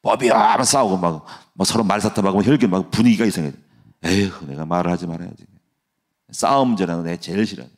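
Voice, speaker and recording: A middle-aged male pastor with a low voice talks fast through a chatty, folksy sermon sprinkled with laughs and asides. The sermon gradually builds into a fervent prayer.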